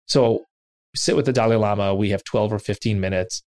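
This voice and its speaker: Low-voiced man telling a story earnestly. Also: brisk, dry recording. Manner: earnest, self-deprecating, animated retelling with quoted asides. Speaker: interviewer and podcast host. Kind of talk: reflective personal storytelling.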